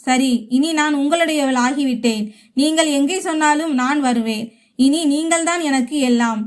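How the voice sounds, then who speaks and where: Storybook figure, young maidservant, voiced by a woman, soft, coaxing, high-pitched. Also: normal speed, close to an everyday voice. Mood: playful. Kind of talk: storybook reading.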